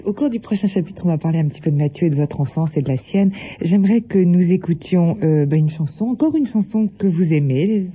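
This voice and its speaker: A male radio host with a fairly high, slightly husky voice on a dull, lo-fi recording. He steers the interview in an affable way, introducing clips and prompting his guest. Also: brisk, few pauses, dark tone.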